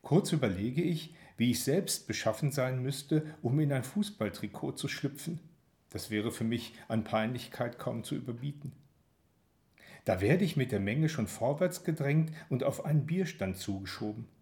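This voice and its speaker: A man narrating a first-person story in a measured, expressive reading. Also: mid-range voice. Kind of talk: audiobook narration.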